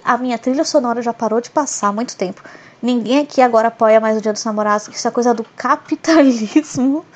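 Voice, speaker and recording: A young woman hosting a casual podcast, chatty and joking, often slipping into ironic asides. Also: fairly high pitch. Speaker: podcast host. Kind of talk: casual solo podcast chat.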